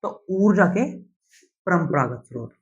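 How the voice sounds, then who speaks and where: A young male teacher lectures slowly and deliberately, pausing often to check that students follow. His voice sits a little high for a man. The recording sounds dull and lo-fi. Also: expressive. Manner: slow, deliberate explaining with frequent "theek hai" check-ins. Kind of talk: classroom lecture.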